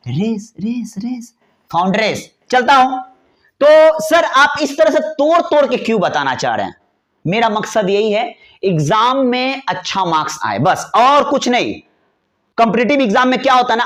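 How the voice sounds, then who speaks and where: High-voiced man teaching English words. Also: a bit bright. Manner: chatty and playful, spells words letter by letter, drawls key words slowly. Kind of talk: classroom lesson explaining vocabulary.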